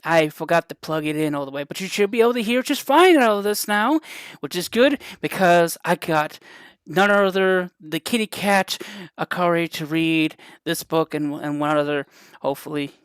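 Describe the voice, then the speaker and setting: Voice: medium pitch, lively intonation, moderate pace, clean tone, no room sound. A host casually welcoming viewers and introducing the reader, in a loose, friendly way. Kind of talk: casual chat.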